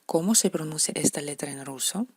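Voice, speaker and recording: A woman's voice: deep voice, brisk, a little mellow, a little hiss or hum. A woman, teaching letter pronunciation to beginners and patiently repeating each example word. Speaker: language teacher.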